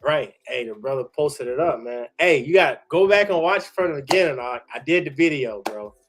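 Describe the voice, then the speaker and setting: Excited slangy man reacting on stream. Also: medium pitch, moderate pace, faint music behind. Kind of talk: casual live reaction commentary.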